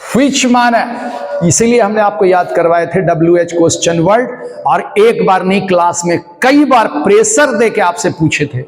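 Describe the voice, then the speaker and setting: High-voiced Hindi-accented man teaching English. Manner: repeats each phrase, translates English into Hindi, drawn-out exclamations. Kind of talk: exam-prep lesson in Hindi and English. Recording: echoey hall with long reverb.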